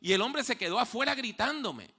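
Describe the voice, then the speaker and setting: A man preaching a sermon as pastor, telling stories and dropping from hushed tones to loud outbursts, repeating key phrases slowly for emphasis. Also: extremely high pitch, expressive, breathy edge. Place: church.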